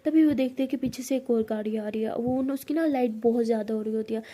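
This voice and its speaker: A woman's voice: fairly high pitch, quick pace. A woman casually retelling a love story as a narrator, with lots of filler words. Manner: lively, retelling with many fillers.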